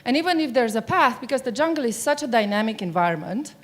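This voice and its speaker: A middle-aged Romanian woman gives a keynote from the stage of a large conference hall, speaking into a stage mic. Her voice sits a little high, and she talks fast and animatedly, keeping things chatty and often putting questions to the audience.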